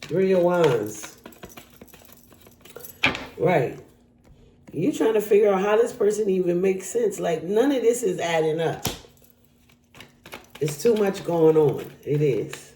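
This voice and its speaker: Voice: medium pitch, very animated, takes it slowly, long pauses, dark tone, a little hiss or hum. A tarot reader casually talking through a card spread, speaking straight to the viewer in a chatty way. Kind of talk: casual tarot reading to camera. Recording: echoey room.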